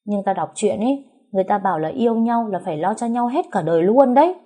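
A woman's voice: mid-range voice, animated, fast talker, dark tone, pitched above the performer's own voice, natural voice. A woman voicing a naive, stubborn young woman who insists on her point. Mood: insistent.

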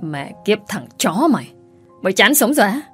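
A woman voicing a fierce man who shouts threats and curses. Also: medium pitch, big pitch swings, normal speed, breathy edge, soft background music. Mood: furious. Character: furious tough man, fierce protector.

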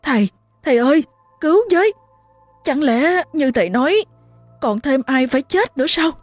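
A woman's voice: high-pitched, expressive, moderate pace, dry recording, soft background music, pitched above the performer's own voice. A woman voicing a desperate villager who begs the sorcerer for help. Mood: desperate plea. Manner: pleading, despairing.

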